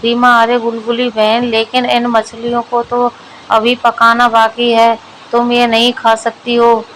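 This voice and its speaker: A woman reading a storybook aloud, voicing a kind village neighbor woman in a flat, even way. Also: a little high, a little slow, slight background noise, low-quality recording. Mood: pleading.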